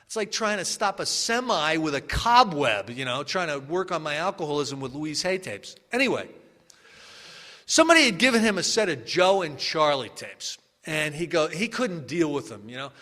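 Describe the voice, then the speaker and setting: Animated high-voiced man sharing his story. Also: normal speed. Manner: animated, self-mocking storyteller who acts out rants. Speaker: recovery meeting speaker. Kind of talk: personal recovery story told to a meeting. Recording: echoey hall with long reverb.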